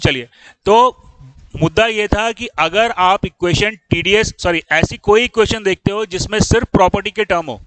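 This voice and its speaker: An engineering lecturer with a high-sitting, slightly bright voice gives a classroom lecture at a moderate pace, explaining step by step and often asking if students follow. He scolds them in exasperation. The recording is rough, with no room sound.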